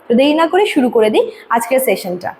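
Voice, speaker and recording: A young Bengali woman gives a recorded lecture with a high voice. She explains step by step, checks often that students follow, and reads English definitions slowly. The room has a long reverb and a faint hiss behind it. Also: sing-song, a little mellow. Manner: explanatory, asks "ঠিক আছে?" to check understanding. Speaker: teacher.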